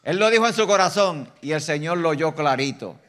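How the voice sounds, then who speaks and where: A man with a Puerto Rican accent preaching an animated sermon as a guest preacher, teasing the congregation and swinging between loud bursts and quiet asides. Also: a little high, brisk. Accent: Puerto Rican Spanish. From Puerto Rico. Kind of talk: lively sermon. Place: church sanctuary.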